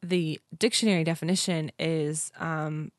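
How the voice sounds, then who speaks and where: A woman's voice: sits low, fairly even intonation, measured pace, dry recording, studio quality. A woman co-hosting a podcast, chatting casually and animatedly, sometimes acting out little voices. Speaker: podcast co-host. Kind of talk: casual chat.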